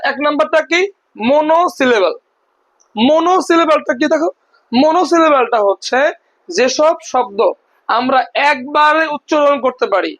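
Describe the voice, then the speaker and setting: An English teacher giving a spoken lesson to learners, asking a question and then answering it, spelling words out letter by letter and repeating them slowly. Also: sits high, fairly bright tone, poor audio. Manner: asks and answers own questions, syllable by syllable.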